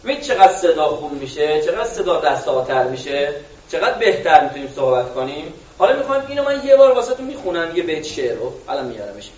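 A man from Iran leading a live public speaking workshop in a room full of listeners. He talks in an animated way, swinging between loud and soft, and keeps quizzing the audience. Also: a little high, hardly any pauses. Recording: echoey room, distant and dull.

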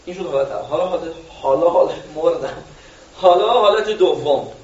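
Iranian male speaking coach, high voice, animated, quizzes the room, heard from afar in a roomy hall. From Iran. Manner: animated, swings between loud and soft, quizzes the audience. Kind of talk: live workshop talk. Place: workshop room with an audience. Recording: echoey room, distant and dull.

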